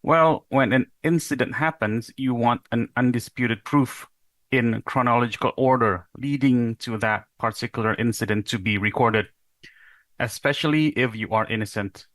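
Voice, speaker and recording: A young man from Indonesia giving a recorded conference talk as a PhD researcher, in a measured, explanatory way with the odd rhetorical question. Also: medium pitch, a bit bright, no room sound.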